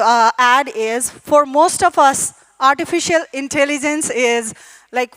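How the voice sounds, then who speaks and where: A woman's voice: high-pitched, fairly bright tone. A woman from Nepal giving a friendly, chatty conference talk in a hall, with frequent fillers. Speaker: conference speaker. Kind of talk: conference presentation.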